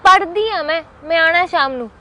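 A woman's voice: very high-pitched, a little fast, highs cut off, a crowd in the background. A young woman playing a caring girlfriend who keeps reassuring him. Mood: pleading. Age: young adult.

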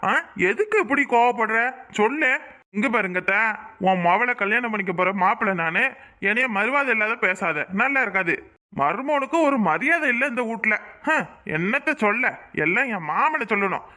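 A man's voice: high-pitched, lively intonation, moderate pace, pushed and bright, exaggerated voice. A man voicing a brash young village man in a cartoon, a mocking and swaggering suitor, in a southern Tamil Nadu dialect. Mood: taunting. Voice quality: taunting, swaggering. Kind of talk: cartoon voice acting.

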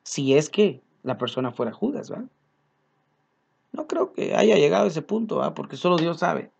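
A man's voice: fairly high pitch, very animated, moderate pace, gravelly, a little mellow, husky, lo-fi sound. A man preaching a sermon, earnest and repeating his key phrases as he speaks to his congregation as brothers.

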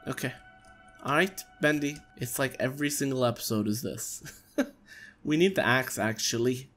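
A man's voice: mid-range voice, normal speed, a bit bright. Jokey man doing casual gameplay commentary over music. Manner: jokey, talking to himself. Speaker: let's player. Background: game music.

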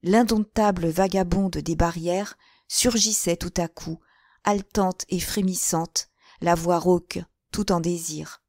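A woman narrating a classic novel as an audiobook, measured and expressive. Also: fairly low pitch, dry recording, clean studio sound. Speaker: audiobook reader.

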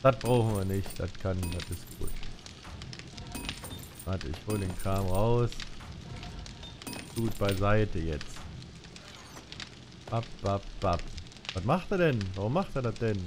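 A man's voice: on the low side, lively intonation, takes it slowly, long pauses, music in the background. A man casually chatting while crafting in a co-op game, playful and muttering to himself as he counts. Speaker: let's play host. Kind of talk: casual co-op gameplay chat.

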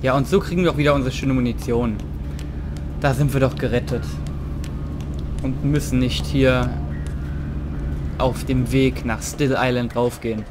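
A man's voice: mid-range voice, fairly even intonation, normal speed, pauses often, noisy background. A man giving casual, slangy gameplay commentary, reacting aloud and repeating short phrases. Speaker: gamer, Let's Play host. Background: game music and sound effects.

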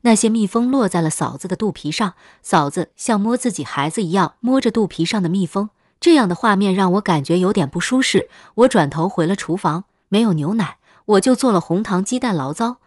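A woman narrating a first-person horror story in a steady, matter-of-fact scripted read. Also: mid-range voice, fairly quick, hardly any pauses, no room sound, studio quality.

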